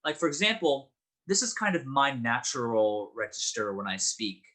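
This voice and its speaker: Guy teaching voice acting, bright forceful voice, bouncy pitch, lots of uhs. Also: big pitch swings, moderate pace. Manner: upbeat, explains with many fillers and restarts.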